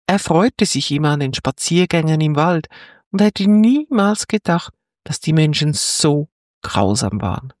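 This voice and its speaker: A storyteller reading a children's story aloud in a calm, gentle manner. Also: mid-range voice, measured pace, dry recording, clean studio sound.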